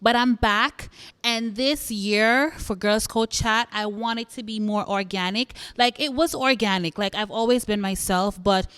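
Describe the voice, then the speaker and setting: A woman's voice: medium pitch, measured pace, fairly bright tone, clear, resonant tone, dry recording. A young adult woman from Jamaica hosting a podcast, chatting casually with listeners, laughing easily and repeating phrases for emphasis. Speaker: podcast host.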